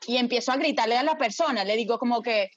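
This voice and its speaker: A woman telling a story casually to friends, dramatic and lively, swearing freely and often checking that her listeners follow. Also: on the high side, quick pace, dry recording, muffled recording.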